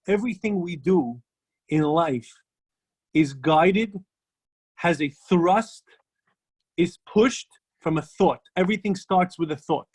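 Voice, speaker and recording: A man's voice: fairly high pitch, takes it slowly, long pauses, a little mellow, slightly rough. A rabbi teaches an ethics class with emphatic, storytelling delivery. He leans on repeated phrases to drive each point home. He speaks from the pulpit in an unpolished, conversational way.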